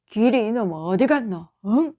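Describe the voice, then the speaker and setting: A woman voicing a loud, drunk one-armed middle-aged father who scolds in a Gyeongsang accent. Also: medium pitch, normal speed, lightly acted. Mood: drunken scolding. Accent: Gyeongsang dialect. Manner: shouting, slurred scolding.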